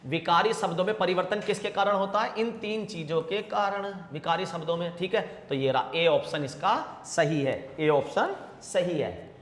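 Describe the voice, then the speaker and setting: A man teaching Hindi grammar for exam prep, repeating answers slowly and calling students bhaiya and beta. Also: high voice, a bit bright. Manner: drawn-out repetition of answers; calls students 'bhaiya' and 'beta'. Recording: echoey room with long reverb.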